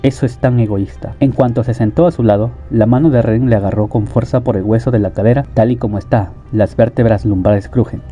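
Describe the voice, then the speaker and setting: Guy narrating a story, calm plain reading, mellow low voice. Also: fairly quick, hardly any pauses, faint music behind. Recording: dull lo-fi audio.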